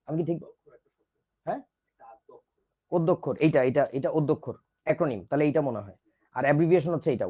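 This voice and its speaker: Male Bangladeshi teacher, jokey and scolding, somewhat high-pitched, muffled audio. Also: a little mellow. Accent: Bangladeshi Bengali. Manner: chatty, teasing, scolds students playfully. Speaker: chemistry teacher. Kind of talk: casual online class lecture.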